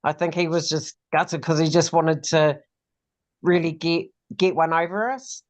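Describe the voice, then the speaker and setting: A woman's voice: sits low, fairly even intonation, a little slow. A woman with a broad New Zealand accent, chatting casually and bluntly as a panellist on a fan podcast. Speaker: rugby league podcast panellist.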